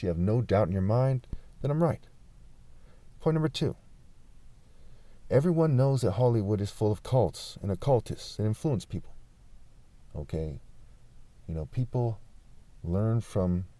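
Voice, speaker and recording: A man from California talking insistently in an unscripted vlog monologue, pausing often with fillers. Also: on the low side, dark tone, no room sound. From California, USA. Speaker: vlogger.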